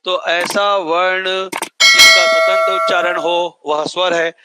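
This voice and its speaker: A man's voice: sits high, flat delivery, slow pace, very noisy. A man teaching a class in a lecture style, repeating points and quizzing students who answer back. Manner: repetitive, quizzing, drills answers. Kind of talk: classroom lecture with call-and-response questions.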